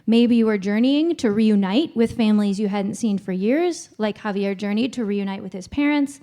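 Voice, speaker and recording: A woman moderates a panel discussion in a church hall, speaking into a handheld microphone. She is friendly and chatty, adding small self-aware asides, and her mellow voice is medium-pitched at a moderate pace.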